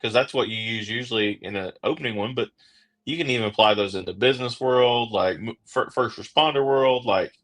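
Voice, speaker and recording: Chatting casually on his podcast, a man with an Oklahoma accent rambles through interview talk, restarting often and using plenty of fillers. His mid-range voice is a bit bright and moves fairly quickly.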